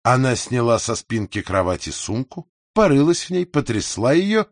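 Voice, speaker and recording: Man narrating a story, lively reading. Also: medium pitch, moderate pace, no room sound, studio quality. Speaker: audiobook narrator. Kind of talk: scripted narration.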